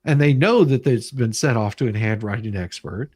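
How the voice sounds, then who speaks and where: Hosting a livestream, a man goes through legal documents out loud, explaining them in a casual way, emphasizing points by repetition and occasionally cursing. He speaks at normal speed in a darkish mid-range voice, recorded dry and at studio quality.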